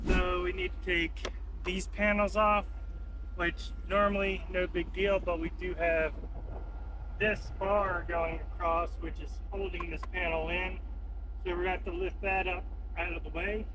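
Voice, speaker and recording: Speaking in a high, level voice at a measured pace, a vehicle installer guides viewers through a hands-on installation. It's casual and unscripted, with him thinking aloud, and vehicle noise is clearly audible in the noisy recording.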